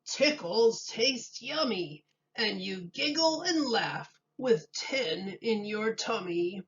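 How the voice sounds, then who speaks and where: Woman playing a self-assured, unhurried cook. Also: mid-range voice, expressive, distant mic, lo-fi sound. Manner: matter-of-fact, rhyming. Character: self-assured cook offering silly food advice.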